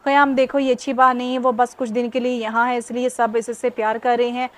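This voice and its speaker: A woman's voice: fairly high pitch, flat delivery, a little fast, lightly acted. A woman reading the lines of a stern but loving young mother in an audio novel. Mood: soothing. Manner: scolding, then soothing.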